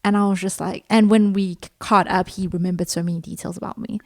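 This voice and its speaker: A woman's voice: mid-range voice, fairly even intonation, fast, a little mellow, dry recording, clean studio sound. A young woman from South Africa, co-hosting a podcast and telling a personal story in a chatty way, full of "like" and "um". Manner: chatty, many fillers like "like" and "um". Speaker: podcast co-host. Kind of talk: casual conversational storytelling.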